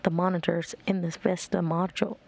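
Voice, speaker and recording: A woman's voice: lowish voice, little pitch movement, brisk, creaky, a little mellow. A woman giving live mission commentary as a broadcast commentator.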